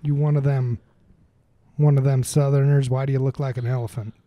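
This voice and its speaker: A man's voice: mid-range voice, flat delivery, fairly quick, muffled recording, pitched below the performer's own voice, lightly acted. A man voicing a hostile half-elf enforcer who sneers and interrogates. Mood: contemptuous.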